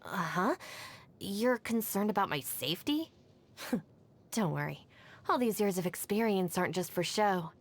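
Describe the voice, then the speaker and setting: Medium in pitch and lively in intonation, this woman's voice belongs to an actress playing a no-nonsense young gang deputy in a video game. The lines come out dry and confident, brisk, composed and matter-of-fact.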